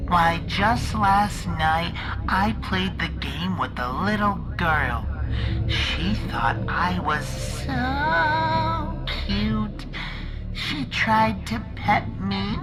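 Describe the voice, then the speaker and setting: A woman voicing a sadistic, playful, monstrous cartoon cat in a slow, theatrical horror monologue full of giggles and whispers. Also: medium pitch, animated, poor audio. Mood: gleeful, sinister. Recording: music behind the voice.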